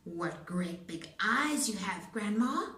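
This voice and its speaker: A woman's voice: mid-range voice, animated, takes it slowly, pushed and bright. A woman voicing a sweet, self-assured little storybook girl with singsong, exaggerated politeness. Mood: wide-eyed. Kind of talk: storybook read-aloud. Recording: roomy echo, distant mic.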